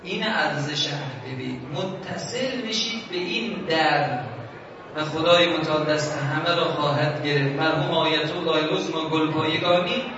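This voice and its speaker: High bright preacher in echoing hall. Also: male voice, noisy background. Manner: dramatic storytelling that chants verse lines slowly. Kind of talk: storytelling sermon. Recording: echoey hall, distant dull mic.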